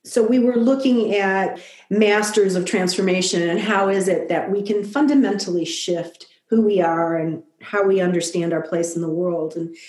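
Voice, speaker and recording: A middle-aged woman giving a thoughtful, reflective interview answer, talking at an even pace with frequent "you know.". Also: mid-range voice, moderate pace, echoey room. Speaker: guest. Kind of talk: conversational interview.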